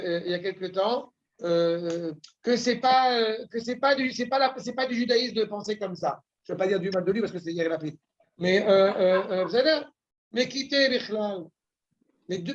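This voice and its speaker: A man's voice: high voice, highs cut off. A man giving a Torah lecture, talking bluntly and with passion and mixing in Hebrew terms. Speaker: Torah teacher.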